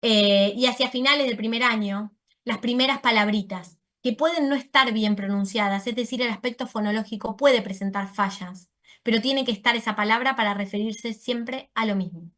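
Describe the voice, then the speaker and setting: A woman's voice: a little high, moderate pace, fairly bright tone. A woman giving an explanatory lecture to an audience, correcting herself as she goes. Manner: explanatory, uses voseo, self-corrects. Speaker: speech therapist giving a talk.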